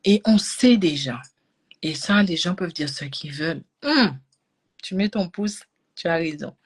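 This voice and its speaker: A woman tells a personal story to a live audience, swinging between loud bursts and hushed whispers. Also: fairly low pitch, expressive, measured pace, slightly rough. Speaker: energy healing coach.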